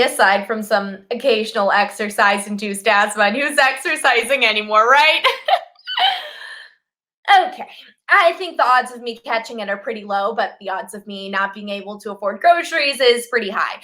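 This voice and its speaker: Actress as young female game show contestant, very high and bright, earnest and a little frayed, comic delivery. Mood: nervous reasoning. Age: young adult. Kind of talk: comic stage acting.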